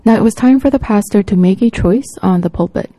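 A woman preacher delivers a sermon in a measured, deliberate way. Her voice is mellow and warm. The recording is dry and close. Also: medium pitch, dry recording.

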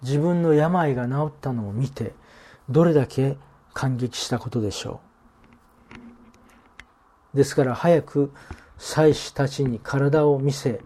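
Mellow-voiced man preaching earnestly. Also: mid-range voice, measured pace, pauses often. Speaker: pastor. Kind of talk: sermon.

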